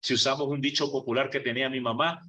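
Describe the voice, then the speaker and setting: A man's voice: mid-range voice, steady tone, fast, sharp tone. A man preaching on prayer in a conversational way, full of rhetorical questions and acting out quoted prayers. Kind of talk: conversational sermon. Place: church meeting hall. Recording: roomy hall, distant mic.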